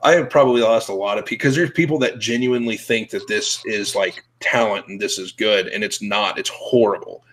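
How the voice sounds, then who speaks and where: A man's voice: fairly low pitch, a little fast, hardly any pauses, a bit bright, rough recording. A young man hosting a show, chatting casually with blunt, profane, laughing talk. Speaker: podcast host. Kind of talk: casual chat.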